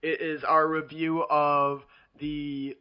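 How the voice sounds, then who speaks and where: Chatty podcast guy, kinda high voice, hiccuping, muffled lo-fi sound. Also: little pitch movement, clean tone. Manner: chatty, halting, fumbling. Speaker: podcast co-host. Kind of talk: casual chat. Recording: dull lo-fi sound.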